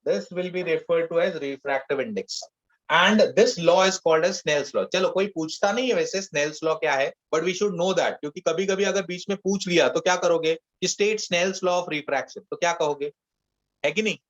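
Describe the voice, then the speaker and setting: A man's voice: fairly high pitch, slow, fairly bright tone, muffled recording. A male physics teacher giving an online class, mixing Hindi and English and asking the class questions, repeating each key term.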